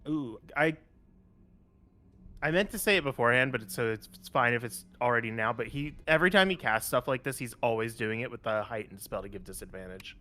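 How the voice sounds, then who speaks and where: A man playing a tabletop game, chatting casually and correcting himself quickly. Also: mid-range voice, lively intonation, bright, forceful tone. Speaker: player.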